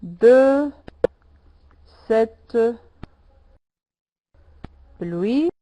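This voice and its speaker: Slow, patient woman teaching French. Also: a little high, expressive, warm tone, rough recording. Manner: patient, repeats words and corrects students by name. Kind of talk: online language lesson.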